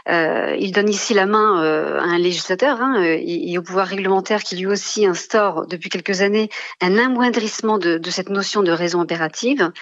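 A woman, an environmental lawyer, answering a radio interview in a halting way, full of fillers and restarts. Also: mid-range voice, no echo, dull audio. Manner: hesitant, many fillers and restarts, legal vocabulary.

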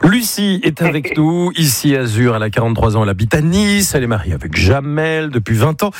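Animated man hosting a radio game. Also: fairly high pitch, fairly quick, dry recording. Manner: animated, playful, hurries players. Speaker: game show co-host.

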